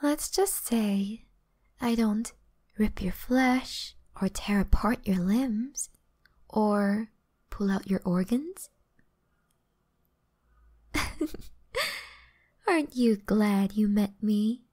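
Slow, soft-spoken vampire woman, acted out. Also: medium pitch, lively intonation. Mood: amused, coaxing. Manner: teasing, softly boastful, unhurried. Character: flirtatious, gentle, predatory female vampire. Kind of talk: ASMR role-play.

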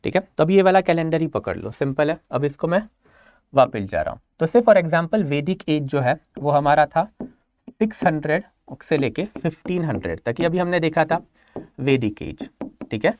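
A man's voice: on the high side, lively intonation, moderate pace, a little mellow, dry recording. A man teaching an online exam-prep lecture, explaining step by step and often checking that students follow. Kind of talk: online lecture mixing Hindi and English.

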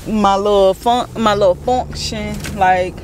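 A woman in her twenties talks through her day in a casual, slangy vlog, speaking frankly and at an unhurried pace. Her voice sits at a middling pitch, and clear background noise runs under it. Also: fairly even intonation, a little mellow. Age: 20s. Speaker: vlogger.

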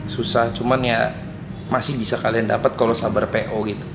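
A man's voice: medium pitch, little pitch movement, fairly quick, gravelly, heavy background noise. A young man with a Jakarta Indonesian accent, chatting casually and explaining things in slangy speech. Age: young adult. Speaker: helmet collector showing his collection. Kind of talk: casual chat. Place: semi-open room by a yard. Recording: echoey, music behind.

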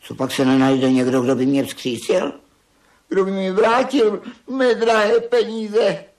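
A man's voice: high-pitched, darkish tone, natural voice. An actor playing a greedy, tyrannical old miser father who rants in frantic despair. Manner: blustering, frantic when robbed. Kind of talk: radio play acting.

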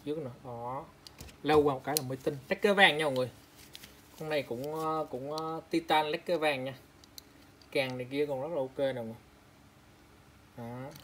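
Over a little hiss or hum, a mid-range-voiced man from Vietnam chats casually while showing secondhand eyeglass frames for sale online. He reads out and repeats each pair's price and specs and talks directly to viewers.

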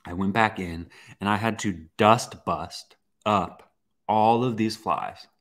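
A young man hosting a podcast, telling a personal story in a casual, animated way, with swearing and acted-out reactions. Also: lowish voice, takes it slowly. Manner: animated, swearing, acts out his own reactions. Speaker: podcast host.

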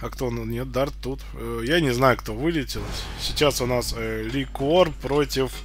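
A man's voice: medium pitch, a little slow, slight background noise. A man giving casual, rambling live commentary on fighting-game matches, often repeating his phrases. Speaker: gameplay commentator. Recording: game music behind. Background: fighting game music.

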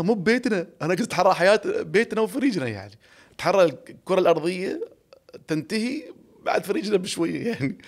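A man in his forties with an Emirati Arabic accent, a podcast guest telling stories in an animated, reflective way, recorded close on a studio mic. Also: on the high side. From Ras Al Khaimah, UAE. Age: 40s. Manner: animated, gestures a lot, laughs often, reflective. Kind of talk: casual storytelling interview. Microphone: studio boom mic close up.

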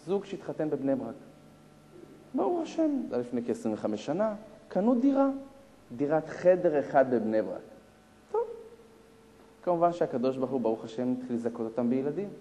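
A man who is a rabbi giving a storytelling lecture, animated and acting out the characters. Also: medium pitch, pauses often. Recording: long hall reverb.

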